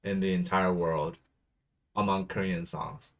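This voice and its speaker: A man's voice: low-pitched, little pitch movement, measured pace, vocal fry. A man co-hosting a casual entertainment news chat, often chiming in with short agreements and playful remarks. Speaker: co-host.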